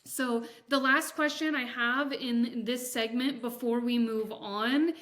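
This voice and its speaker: A woman's voice: fairly high pitch, steady tone, slow, a bit bright. A woman in her thirties hosting an interview podcast, friendly and encouraging with her guest. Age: 30s. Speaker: podcast host.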